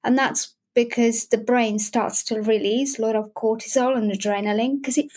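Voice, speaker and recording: A young adult woman with a Slovak accent talks in a relaxed interview. She pauses and restarts often, searching for words. Her voice sits a bit high. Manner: hesitant, many restarts and fillers. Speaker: guest, emotional wellbeing facilitator. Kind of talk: casual interview talk.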